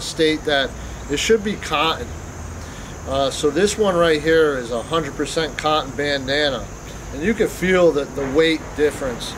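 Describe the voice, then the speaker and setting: A middle-aged man giving an unscripted workplace safety talk outdoors in a parking lot, plain-spoken, with frequent ums and restarts. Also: on the high side. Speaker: company safety presenter. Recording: clear outdoor background noise.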